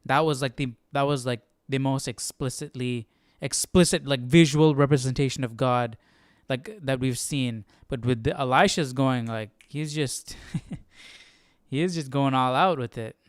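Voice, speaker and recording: Hosting a Bible study livestream, a man thinks aloud in a casual, informal way, often pausing to hunt for words. His medium-pitched voice is smooth, and the studio sound is clean with no echo.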